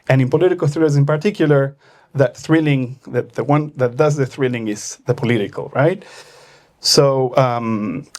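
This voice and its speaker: Hesitant Argentine-raised author. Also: male voice, mid-range voice, normal speed, a little mellow. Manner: hesitant, thoughtful, many fillers. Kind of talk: book launch conversation.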